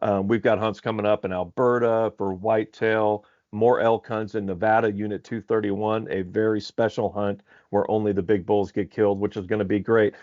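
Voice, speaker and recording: Male podcast host from Alaska, low-ish voice, upbeat rambler, dry dull sound. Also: flat delivery, normal speed, hardly any pauses, darkish tone, dry recording. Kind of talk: casual podcast interview. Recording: slightly dull lo-fi audio.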